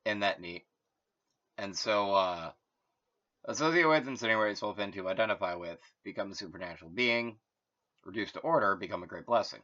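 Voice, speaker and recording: A man's voice: on the low side, lively intonation, moderate pace, sharp tone. A man hosting his own channel, talking in a meandering, casual solo monologue full of fillers and self-corrections. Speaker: host. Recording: dull lo-fi recording.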